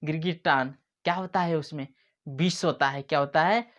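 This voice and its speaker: A man with a slightly high, somewhat bright voice gives a mnemonic lesson to camera at a moderate pace, teaching memory tricks playfully and acting out little scenes as he explains. The sound is dull and lo-fi.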